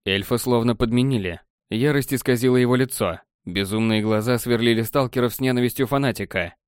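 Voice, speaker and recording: A man narrating an audiobook in an even storytelling manner. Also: mid-range voice, a little fast, clear, resonant tone, dry recording, clean studio sound. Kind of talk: scripted narration.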